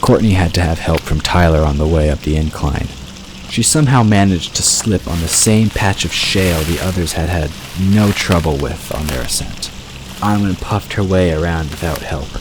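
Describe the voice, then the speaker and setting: Scripted fiction is narrated in storytelling fashion by a low-pitched man working as an audiobook narrator. The background is noisy, filled with outdoor ambience and water effects.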